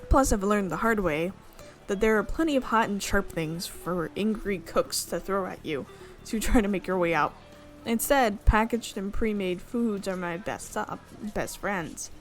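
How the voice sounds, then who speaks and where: A woman hosts a gaming video, reading a visual novel's narration aloud in a mid-range voice at a moderate pace. She slips often and stops to correct herself, while soft music plays in the background.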